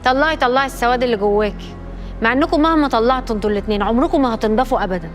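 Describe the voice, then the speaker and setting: A woman's voice: on the high side, rapid-fire, faint music behind, lightly acted. An actress playing a defiant young wife taunting her captors in an Egyptian TV drama, with an Egyptian accent. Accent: Egyptian Arabic. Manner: defiant, sarcastic.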